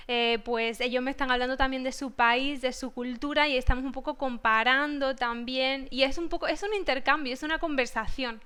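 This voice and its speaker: Andalusian woman teacher, high clear voice, thoughtful, lots of restarts, video-call interview guest. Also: pushed and bright. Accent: Andalusian Spanish. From Granada, southern Spain. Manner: thoughtful, many restarts and fillers.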